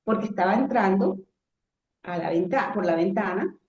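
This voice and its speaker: A woman giving an emotional personal testimony, animated and acting out her own shouts as she tells it. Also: mid-range voice, normal speed, slight background noise. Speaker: interviewee sharing a near-death testimony. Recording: echoey room, dull lo-fi sound.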